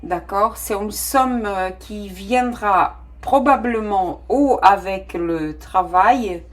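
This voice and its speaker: A woman's voice: medium pitch, slow. A middle-aged woman with a non-native French accent giving a casual tarot reading, hesitant with many fillers and delighted exclamations at the cards. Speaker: tarot reader.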